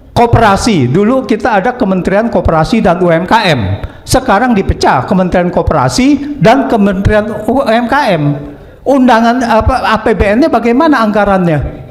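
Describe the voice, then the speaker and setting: A man giving measured political commentary, explaining step by step with frequent "eh" fillers. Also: high voice. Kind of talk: analytical commentary.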